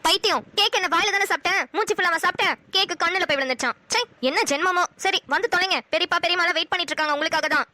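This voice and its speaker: A woman voicing an impatient, sharp-tongued middle-aged mother in a cartoon who nags and scolds. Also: extremely high pitch, racing, hardly any pauses. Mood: scolding. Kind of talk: Tamil cartoon voice acting.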